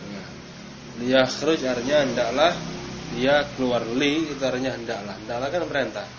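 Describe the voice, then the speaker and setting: A man's voice: mid-range voice, moderate pace. A man teaching Arabic grammar to a class, quizzing students by name and stressing drill words. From Indonesia. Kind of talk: classroom lesson. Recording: dull noisy classroom recording.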